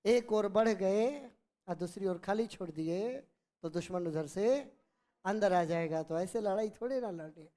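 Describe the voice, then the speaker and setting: A man's voice: sits high, unhurried, dark tone. A man teaches a Hindi literature class in Hindi with a Bhojpuri accent. He explains a story line by line and keeps quizzing his students. His tone is that of a working classroom lesson. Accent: Bhojpuri-influenced Hindi. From Bihar.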